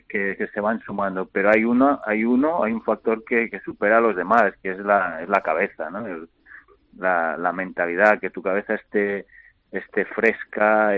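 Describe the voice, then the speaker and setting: A middle-aged man, a retired basketball player, answering interview questions by phone in a halting way, repeating words and filling pauses. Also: lowish voice, no room sound. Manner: halting, repeats words often, many fillers. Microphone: telephone. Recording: tinny phone line.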